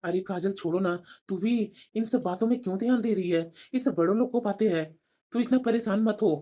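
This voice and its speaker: A woman's voice: mid-range voice, fairly quick, highs cut off, close to an everyday voice. A woman voicing a young husband in a cartoon who brushes off his wife's worries. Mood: dismissive. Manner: dismissive, brushing off. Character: young husband, dismissive and tired. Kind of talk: cartoon voice acting.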